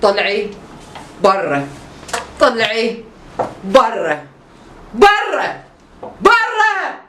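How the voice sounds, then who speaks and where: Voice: medium pitch, a little fast, far from the mic, lightly acted. Someone playing a brusque diet doctor with an Iraqi accent. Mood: angry. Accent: Iraqi Arabic. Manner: curt, brusque. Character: irritable, short-tempered diet doctor. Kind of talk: comedy sketch acting. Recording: echoey room, voice from afar, faint hiss.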